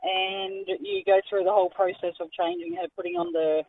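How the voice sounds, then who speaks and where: A woman's voice: medium pitch, fairly even intonation, normal speed. Middle-aged woman caller on a phone line. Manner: storytelling with laughter. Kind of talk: phone-in anecdote. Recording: tinny phone line, faint noise.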